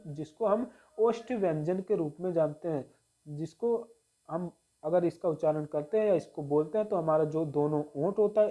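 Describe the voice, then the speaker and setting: A man teaching the Hindi alphabet, slowly sounding out each letter and repeating key points. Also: fairly high pitch, dark tone. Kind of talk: Hindi grammar lesson.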